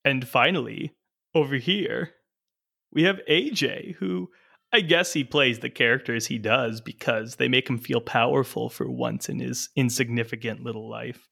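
A man's voice: medium pitch, moderate pace, vocal fry, bright, forceful tone. A man putting on a gloating villain. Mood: mocking. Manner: mocking, theatrical taunting. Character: gloating male villain, sneering and menacing.

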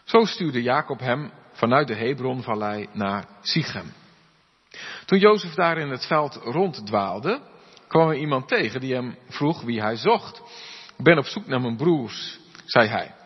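A pastor reads Scripture and preaches in a husky voice, giving the quoted lines an expressive turn. The recording is dull and muffled, and his voice trails off into the long reverb of a church hall. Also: medium pitch, a little slow. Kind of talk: Bible reading and sermon.

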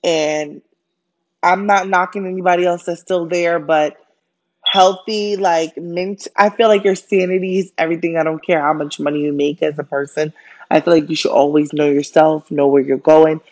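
In lo-fi sound, a young woman with a Jamaican accent, originally from Jamaica and brought up in Brooklyn, hosts her first solo podcast. Her low, darkish voice holds a steady tone at a moderate pace as she chats casually and warmly, using many fillers.

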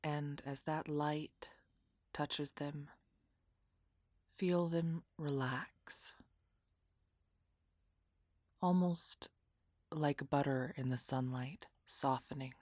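A woman guiding a relaxation meditation in a soft, half-whispered, soothing voice. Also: low-pitched, steady tone, drawn-out words, pauses often, no echo, studio quality. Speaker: meditation guide.

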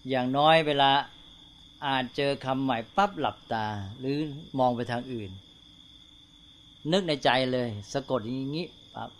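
Older monk teaching slowly, keeps asking right? as he goes, bit of hiss and crickets. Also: mid-range voice. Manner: slow, unhurried explaining with frequent tag questions. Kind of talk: dhamma talk to monks.

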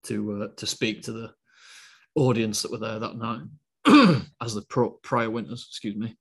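A man co-hosting a podcast, talking in a steady, not very animated way and hesitating with fillers. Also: fairly low pitch, normal speed, creaky, husky. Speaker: podcast co-host. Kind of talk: casual podcast chat.

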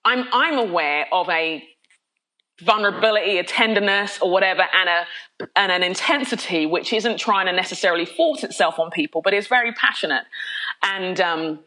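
Her mid-range voice comes across pushed and bright on a low-quality recording. She's a middle-aged woman from London with Nigerian roots, a pastor speaking openly as a guest on a podcast interview, full of energy and laughter and often starting sentences over.

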